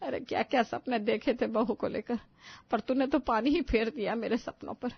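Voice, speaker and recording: Woman voicing a shrill scolding mother-in-law. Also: moderate pace, creaky, husky, no room sound. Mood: dejected. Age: older. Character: nagging older mother-in-law, loud and bossy. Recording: dull lo-fi dry recording.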